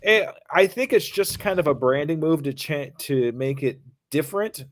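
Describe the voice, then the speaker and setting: A man's voice: fairly high pitch, expressive, moderate pace, dry recording. Easygoing male podcast guest, dry. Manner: easygoing, friendly and conversational. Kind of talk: casual podcast interview.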